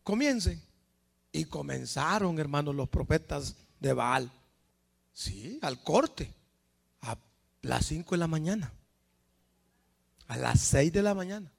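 A man preaching a fervent sermon, swinging from hushed asides to shouts and firing questions at the congregation. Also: a little high, slow, vocal fry, pauses often.

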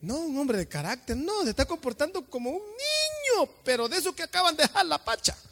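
High gravelly preacher in an echoing church. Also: male voice, sing-song, a little fast. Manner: jokey preaching that swings between intimate asides and sung shouts. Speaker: pastor. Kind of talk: lively evangelical sermon. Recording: echoey church hall.

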